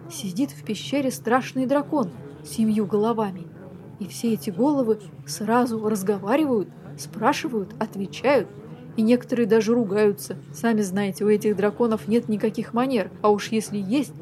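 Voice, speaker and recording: A woman reading a fairy tale aloud for children, lively and expressive, speaking straight to the young listeners. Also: a little high, slight background noise. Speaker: storyteller.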